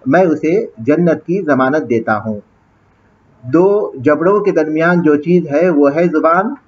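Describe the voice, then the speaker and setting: A male teacher giving a classroom lecture, explaining grammar step by step, quizzing his students and reciting Arabic passages slowly. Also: a little high, a little mellow, dull audio. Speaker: teacher of an Islamic studies course.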